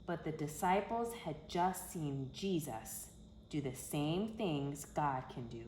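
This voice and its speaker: This children's storyteller reads a picture book in a low, animated voice with a darkish tone and a slow pace. She phrases things dramatically and emphatically, and the recording has echo and faint background noise.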